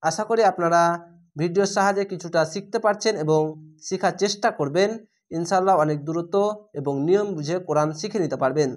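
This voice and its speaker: A man's voice: high voice, darkish tone. Bangladeshi man spelling out recitation. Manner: spells each letter and vowel, then chants the word slow and drawn out. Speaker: Quran reading teacher.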